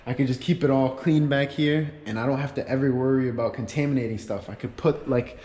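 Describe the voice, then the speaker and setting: A man hosting a casual car vlog, talking in an excited, rambling, slangy way, his voice echoing in a large empty workshop. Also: mid-range voice, fairly quick. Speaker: YouTube car-channel host. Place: large, echoey indoor garage workshop. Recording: very echoey, reverberant empty workshop.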